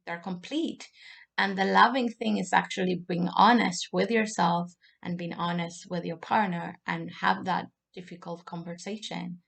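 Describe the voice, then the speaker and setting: A woman from Argentina, a love coach, talking in a thoughtful, searching way, with pauses and restarts. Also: lowish voice, creaky. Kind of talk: reflective personal monologue.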